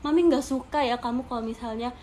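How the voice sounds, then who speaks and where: A young woman quoting her mother in a lower, quieter voice, firmly lecturing her daughter. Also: fast talker, slight background noise, natural voice. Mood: stern. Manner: firm, lecturing. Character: stern, calm mother scolding her daughter.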